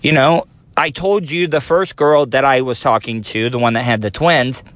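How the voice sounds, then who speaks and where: Recorded dry on a phone, a solo podcast host in his forties speaks at normal speed in a thin, medium-pitched, slightly bright voice. The show is casual, and he rambles and is self-deprecating.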